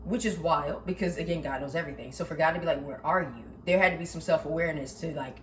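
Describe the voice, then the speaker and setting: A young woman in her twenties talking casually about faith and self-worth, lively, laughing often, with lots of slang and "like". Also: low voice, racing, recorded from a distance. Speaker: vlogger. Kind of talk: casual faith talk to camera. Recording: roomy echo, slightly off mic, faint background hiss.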